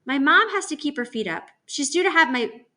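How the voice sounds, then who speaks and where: A woman's voice: sits high, lively intonation, brisk, sharp tone, voice pushed up. Woman doing a chatty little girl. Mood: eager. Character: small chatty girl, blunt and eager.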